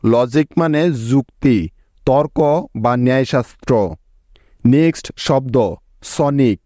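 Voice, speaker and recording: Patient male tutor, unhurried spelling lesson, dry close sound. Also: medium pitch, fairly even intonation, mellow, no room sound. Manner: patient, checks in with learners. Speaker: English reading teacher. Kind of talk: slow step-by-step spelling lesson.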